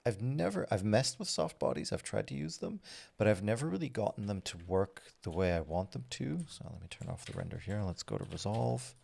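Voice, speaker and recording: A Belgian streamer with a deep, gravelly voice full of fry chats casually with viewers while he works. He rambles along with lots of ums, fillers and false starts, keeping an easygoing, unhurried tone as he answers chat.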